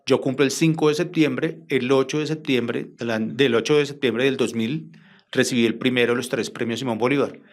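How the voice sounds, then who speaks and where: A Colombian man, a journalist, recounts a strange episode to his interviewer at a mid pitch. He tells it in a lively way, acting out each quoted line of the conversation as he goes. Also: normal speed. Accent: Colombian Spanish. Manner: animated, acts out quoted dialogue. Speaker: journalist guest. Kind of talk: storytelling interview.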